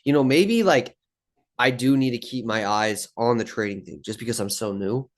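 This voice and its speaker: A young man talks straight to camera about his trading day in a loose, rambling way. He swears often and drops "bro" and "dude" constantly. His voice sits at an ordinary middle pitch. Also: moderate pace. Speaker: vlogger recapping day trades. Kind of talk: casual monologue to camera.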